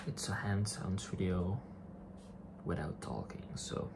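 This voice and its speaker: Man in his twenties, soft-spoken ASMR, hushed, hesitant, gravelly fry, loud clicking and tapping noise. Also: lively intonation, slow. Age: 20s. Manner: hushed, low-key and hesitant. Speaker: ASMR video creator. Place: small attic bedroom, indoors. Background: clicks, tapping and object handling.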